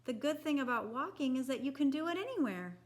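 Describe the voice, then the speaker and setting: A woman with a high voice reads a children's picture book aloud, deliberate and expressive, taking an instructive tone for young listeners.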